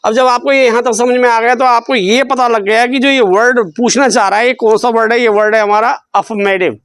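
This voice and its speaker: High-voiced, clear-toned male English teacher. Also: steady tone, fairly quick, fairly bright tone, no room sound. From India. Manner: repeats his own questions to students and stretches out syllables. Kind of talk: spelling lesson explained in Hindi.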